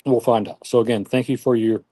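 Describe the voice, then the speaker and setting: A man's voice: mid-range voice, fairly even intonation, fairly quick, mellow, no room sound. A man hosting a casual live cooking stream, chatting with viewers in a self-deprecating way. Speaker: grill streamer.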